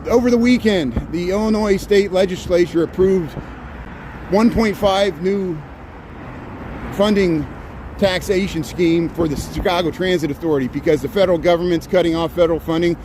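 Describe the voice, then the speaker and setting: A man's voice: high-pitched, normal speed, darkish tone. A man from the American Midwest hosting a casual walking livestream, rambling and chatty and laughing often, recorded outdoors on a city street on a handheld phone. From Indiana, US Midwest. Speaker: livestream host. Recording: street traffic noise behind.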